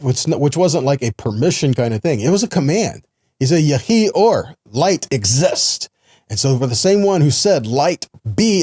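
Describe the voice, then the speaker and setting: A preacher and Bible teacher with a fairly high, dark voice delivers a sermon earnestly and explanatorily, reading scripture and driving points home with rhetorical questions. The sound is clean studio quality with no echo.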